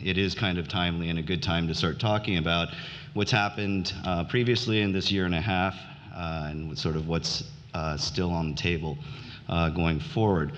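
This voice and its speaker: A middle-aged man giving a conference speech, halting with many fillers and restarts. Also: low-pitched, fairly even intonation, a bit bright. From United States (grew up in New Orleans). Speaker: conference speaker. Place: conference hall. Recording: dull reverberant hall.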